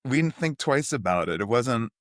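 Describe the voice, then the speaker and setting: A middle-aged man from New City, telling stories as a podcast guest in a rambling, animated way full of fillers. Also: medium pitch, normal speed, no room sound, studio quality. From New York City (Queens). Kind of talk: casual storytelling interview.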